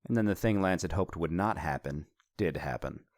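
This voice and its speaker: A man narrating an audiobook in a steady, measured reading. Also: low voice, no room sound, clean studio sound.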